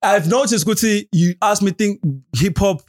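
A young man with a Swazi accent chatting casually on a podcast in an animated, repetitive, slangy way, switching between languages. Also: sits high, moderate pace. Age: young adult. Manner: animated, repetitive, peppers talk with "bro".

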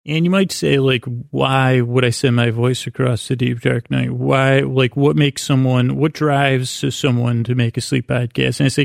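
A man with a creaky, gravelly voice at medium pitch hosts a sleep podcast, drifting through a bedtime monologue. He pauses haltingly and makes false starts, and the studio recording is clean with no echo.

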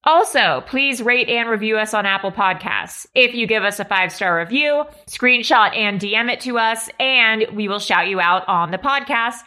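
A woman's voice: on the high side, animated, moderate pace, hardly any pauses, sharp tone. A woman hosting a casual comedic podcast, with a nasal, stuffed-up voice. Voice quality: nasal, congested-sounding. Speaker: podcast host. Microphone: phone with headphones on a video call.

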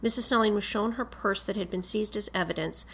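A woman reading a police interview report aloud in a formal, measured, matter-of-fact way. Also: medium pitch, sharp tone, breathy edge.

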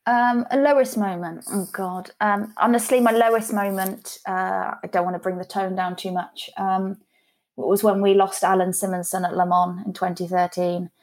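A woman's voice: medium pitch, little pitch movement, moderate pace, a little mellow. Chatty woman in her thirties. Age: 30s. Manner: candid, chatty, with frequent restarts. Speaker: guest, PR business owner. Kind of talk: casual interview conversation.

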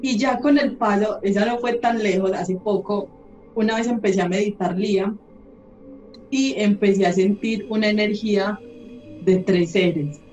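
A woman's voice: medium pitch, fairly even intonation, a little slow, darkish tone. A woman, a holistic therapist, talking in a candid podcast chat and swearing casually as she tells stories. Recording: roomy, slightly dull sound, faint music.

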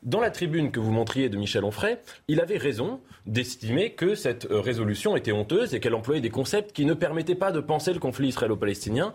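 A man speaking as a guest on a TV debate panel, building measured, essayistic arguments. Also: medium pitch, very animated, darkish tone, breathy edge.

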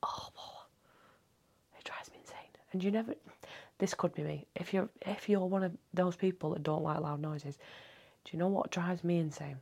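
Low, husky woman chatting. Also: fairly even intonation, a little fast. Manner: rambling, chatty, swears freely; often drops to a hushed half-whisper. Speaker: podcast host. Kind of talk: casual solo podcast chat. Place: indoors at home late at night.

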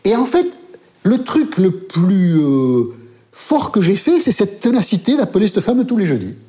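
Older man, Basque accent, journalist, lively storytelling, fairly high pitch. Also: a little slow. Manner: lively, animated storytelling with casual swearing. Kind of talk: interview storytelling.

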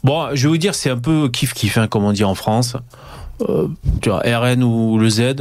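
Relaxed male host, dry sound. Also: mid-range voice, normal speed, dry recording. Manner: relaxed, addresses viewers. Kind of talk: hosting a live stream.

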